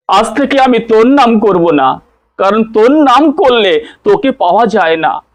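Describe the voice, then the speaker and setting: Devout elderly holy man, played by a male preacher; earnest, pleading, high and unhurried. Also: dry recording. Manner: earnest, pleading address to his deity.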